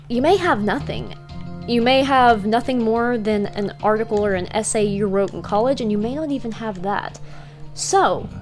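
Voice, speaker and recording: Woman, Eastern Kentucky accent, medium pitch, casual vlog advice, conversational and encouraging, background music. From Eastern Kentucky, United States. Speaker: freelance writer giving career tips.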